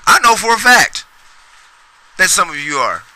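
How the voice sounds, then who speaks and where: Middle-aged male podcast host, high bright voice, rambling profane solo rant. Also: sing-song, moderate pace, poor audio. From Sacramento, US. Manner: profane, rambling, emphatic with repetitions.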